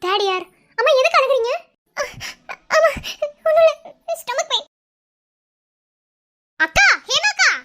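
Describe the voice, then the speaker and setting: A woman's voice: extremely high pitch, lively intonation, moderate pace. A woman voicing a cheeky young college girl, the flippant, joking best friend in a cartoon love story. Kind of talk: Tamil cartoon voice acting.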